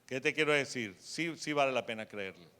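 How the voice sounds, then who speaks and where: A man preaching a sermon as pastor of a church, sharing a testimony, swinging from soft to loud. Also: mid-range voice, brisk. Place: church in Miami.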